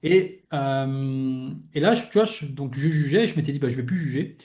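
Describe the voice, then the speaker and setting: A man's voice: medium pitch, normal speed, darkish tone. A young adult man hosting a podcast, talking in a casual, reflective way as he shares personal thoughts with a guest, rambling and often restarting his sentences. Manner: reflective, rambling, fills with "tu vois". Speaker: podcast host interviewing a guest. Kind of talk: casual heartfelt conversation.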